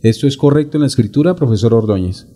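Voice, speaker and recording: A man's voice: medium pitch, lively intonation, quick pace, warm tone, slight background noise. A man hosting a radio segment, courteous and formal, reading listeners' questions with frequent fillers. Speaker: radio news host.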